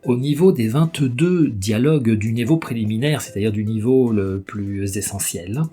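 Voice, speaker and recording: French teacher with a low voice. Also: male voice, normal speed, mellow, soft background music. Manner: clear, explanatory, demonstrates pronunciation. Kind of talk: language lesson.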